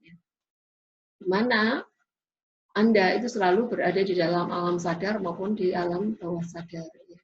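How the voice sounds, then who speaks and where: A woman's voice: lowish voice, steady tone, normal speed, pauses often, a little hiss or hum. Woman lecturing in a dull lo-fi recording. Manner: explanatory, repeats "ya" often. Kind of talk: classroom lecture.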